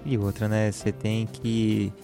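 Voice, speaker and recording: Gravelly Brazilian podcast host. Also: male voice, fairly low pitch, little pitch movement, a little slow, mellow, faint music behind. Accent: Brazilian Portuguese. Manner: agreeable, reflective, tag questions. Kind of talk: casual chat.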